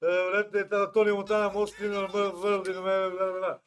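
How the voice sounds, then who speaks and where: A man's voice: high-pitched, monotone, fast talker, clear, resonant tone. A man with a Serbian accent bantering on a live stream, joking in broken English. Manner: joking, broken English, says "brate" constantly. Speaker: livestreamer. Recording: music playing in the background.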